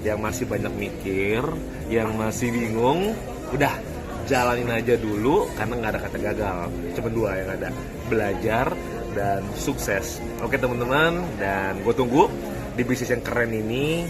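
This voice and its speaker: A man's voice: on the low side, moderate pace, over loud music. A man in his thirties giving a casual, slangy recruiting testimonial with breezy confidence. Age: 30s. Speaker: insurance agent.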